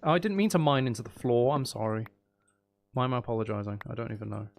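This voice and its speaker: Quick and animated, a gravelly-voiced man in the mid range streams gameplay on his channel, thinking aloud and teasing himself with wry jokes as he questions his moves. A slight background noise is audible.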